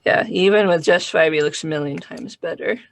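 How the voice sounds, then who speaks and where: A man narrating a tabletop game as game master, improvising descriptions in a halting way. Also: on the high side, gravelly, a bit bright, slight background noise.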